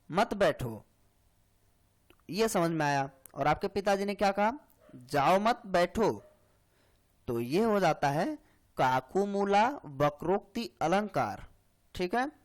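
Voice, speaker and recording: A man teaching grammar for exam preparation, explaining slowly and checking in often with "hai na" and "theek hai". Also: high voice, lively intonation. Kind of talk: exam-prep lecture.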